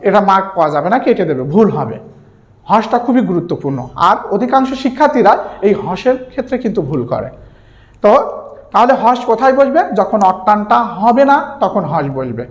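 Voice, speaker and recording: Bangladeshi man teaching in an echoey room. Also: high voice. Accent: Bangladeshi Bengali. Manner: asks questions and answers them himself, drawing out words. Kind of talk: exam-prep grammar lesson.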